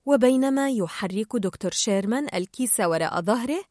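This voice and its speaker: A woman narrating a children's storybook aloud in an expressive, lively way. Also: a little high, fairly quick, dry recording, clean studio sound.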